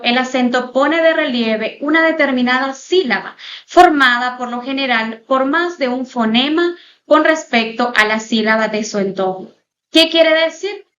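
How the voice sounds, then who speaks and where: A woman's voice: a little high, fairly bright tone. A woman teacher giving a recorded online lesson, speaking formally and explaining points step by step to her students. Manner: pauses to spell out example words slowly. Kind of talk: recorded online class lecture.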